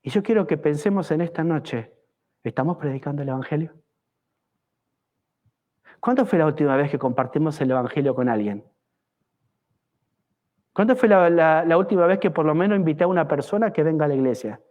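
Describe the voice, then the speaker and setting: A pastor preaching a fervent evangelical sermon at a church service, asking the congregation many rhetorical questions. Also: male voice, on the high side, animated, fairly quick, long pauses, phone-quality sound.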